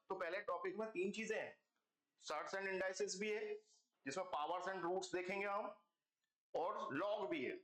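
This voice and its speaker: A man with a high, slightly bright voice teaches math online, explaining step by step and repeatedly checking in with his students, calling them kids. He addresses them as "beta" and "bachcho." The sound is roomy.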